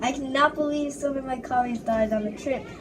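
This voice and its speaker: An unlucky sailor on an exploring voyage, played by a woman, tells his hardships in a halting recital with restarts. The voice sits a little high. It comes from a distant mic with clear background noise. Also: lightly acted. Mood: earnest. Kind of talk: first-person history presentation.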